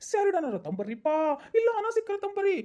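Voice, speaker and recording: A woman's voice: extremely high pitch, big pitch swings, quick pace, dark tone, voice pushed up. A woman playing a fed-up male police officer who groans in exasperation, with a North Karnataka Kannada accent. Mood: exasperated.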